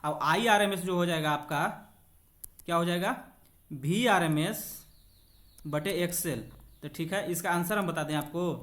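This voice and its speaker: Speaking on the high side with a fairly bright tone, a man moves unhurriedly through exam practice questions, leaving long pauses. He drives home key points, asks for quick confirmations, and reads aloud in a mix of Hindi and English terms.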